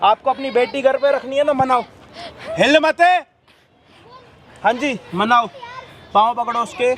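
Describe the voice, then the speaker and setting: A man's voice: very high voice, unhurried, fairly bright tone. A man, hosting a staged street confrontation, bossy and taunting as he barks orders. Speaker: confronting host.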